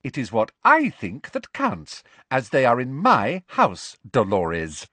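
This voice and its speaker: A strict, furious schoolmistress from a storybook, pitched far above a normal male voice. The delivery is clipped and scolding, with big swings in pitch and a close, dry sound. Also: huge pitch swings, slow, pushed and bright, dry recording, heavily acted. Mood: coldly restrained.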